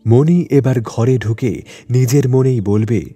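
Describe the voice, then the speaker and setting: A man reading a literary short story aloud in measured second-person narration, with a husky voice. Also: mid-range voice, dark tone, soft background music.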